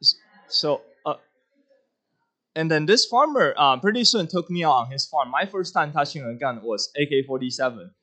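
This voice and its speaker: A man's voice: a little high, expressive, bright, forceful tone. Earnest man from Taiwan giving testimony. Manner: earnest, halting with many fillers. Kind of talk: church testimony.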